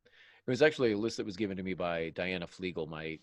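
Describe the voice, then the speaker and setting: A deep-voiced man talks fast on his podcast, casually sharing writing tips as a host who also writes fiction. The recording is dry, and his manner is jokey and self-deprecating.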